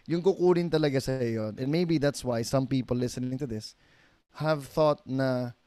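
A man's voice: mid-range voice, moderate pace, no room sound. A middle-aged Filipino man, a pastor, telling stories in a casual podcast chat, acting out quoted voices and laughing easily. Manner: animated storyteller who acts out quoted voices, laughs easily. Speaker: pastor guest.

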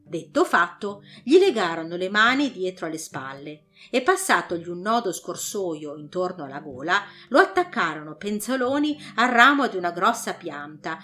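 A woman narrating a classic storybook with an animated, dramatic reading. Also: on the low side. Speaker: audiobook narrator.

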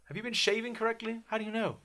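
A young man co-hosting a podcast, chatting casually and teasing with quick questions. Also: sits high, fairly even intonation, sharp tone. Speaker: podcast co-host. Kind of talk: casual chat.

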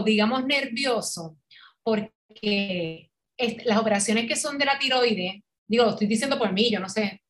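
A middle-aged woman with a Puerto Rican Spanish accent, a podcast guest telling her story in casual conversation, acting out quoted dialogue and laughing often. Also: a little high.

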